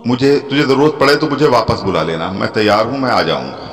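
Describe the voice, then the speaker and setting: A man voicing a gentle, humble young man who speaks softly and slowly to an elderly woman. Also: medium pitch, pitched above the performer's own voice, lightly acted. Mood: tearful. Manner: soft, slow and tender. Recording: long hall reverb with soft music.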